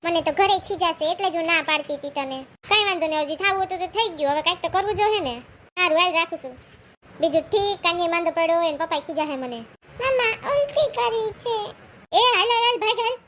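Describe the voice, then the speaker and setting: A woman's voice: extremely high pitch, fast, fairly bright tone, a little hiss or hum. A woman, playing a feisty, talkative village woman in a comedy skit and pleading her case as she chats. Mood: chatty. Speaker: comic lead and narrator.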